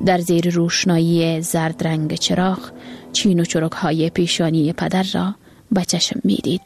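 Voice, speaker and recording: A woman narrating a story in a calm, measured way. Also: fairly low pitch, creaky.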